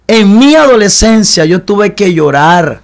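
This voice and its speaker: A man's voice: high-pitched, big pitch swings, measured pace, gravelly. A young man giving an emotional personal testimony with a repetitive, preacher-like cadence.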